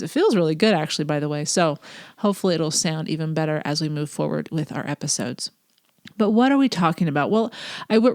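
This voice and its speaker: A teacher hosts her own casual solo podcast, earnest and reflective, sometimes dropping to breathy whispers. Congested with a cold, her lowish, slightly mellow voice sounds nasal and stuffed up. The studio-quality recording has no room sound.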